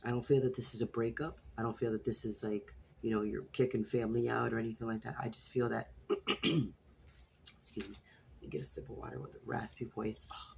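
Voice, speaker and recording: A man's voice: medium pitch, quick pace, creaky, a little mellow, slight background noise. A man doing a freestyle tarot reading for his viewers. He talks casually, with lots of restarts and repetition, some swearing, and he calls his listeners "sweetheart" and "collective". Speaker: tarot reader.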